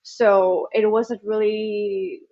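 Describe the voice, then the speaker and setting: A woman's voice: medium pitch, takes it slowly. Woman from Venezuela, twenties, chatty podcast guest, muffled sound. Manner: bilingual, relaxed and chatty. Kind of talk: casual interview chat.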